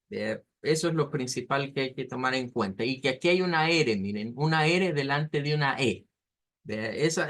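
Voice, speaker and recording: A man's voice: on the high side, fairly bright tone. Patient male language teacher. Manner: patient, explains step by step, models pronunciation slowly. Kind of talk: online class explanation.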